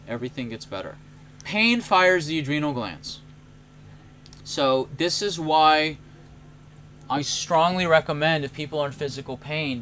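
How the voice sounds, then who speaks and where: A man's voice: medium pitch, a bit bright, slight background noise. A man who is a chiropractor giving an educational health talk in an earnest, emphatic, conversational way.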